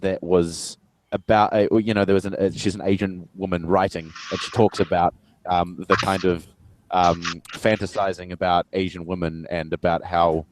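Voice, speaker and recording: Low-voiced guy in his twenties rambling on a group call, ums everywhere, faint hiss. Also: level tone, moderate pace. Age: 20s. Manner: rambling, many fillers and restarts, swears freely. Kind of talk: casual group chat.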